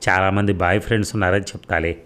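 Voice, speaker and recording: Man reading young male lover, teasing, coaxing, deep low voice, audiobook. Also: steady tone, racing, a bit bright. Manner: playful, coaxing.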